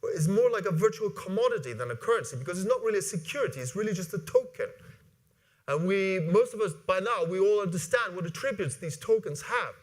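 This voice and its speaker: A man in his forties from Iceland, giving an animated conference talk from a stage, with many fillers and restarts. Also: sits high, a little fast. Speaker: conference speaker. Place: large conference hall with audience. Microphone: lapel mic.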